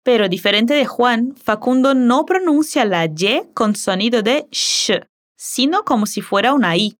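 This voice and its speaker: A woman whose first language is Portuguese teaching a Spanish lesson, slowly modeling words and phrases for the listener to repeat. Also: fairly high pitch, lively intonation. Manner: slow, careful modeling of words.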